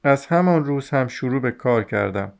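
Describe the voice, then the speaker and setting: A man reading the part of a chatty, excitable young male student in an audiobook, rambling eagerly in a smooth, clear voice. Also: medium pitch. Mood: excited rambling. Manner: rambling, eager, talks over himself.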